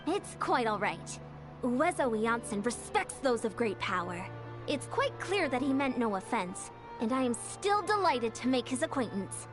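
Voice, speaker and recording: A woman's voice: fairly high pitch, sing-song, unhurried. A woman voicing a polite, composed young woman ally in a video game. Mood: gracious. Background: game music.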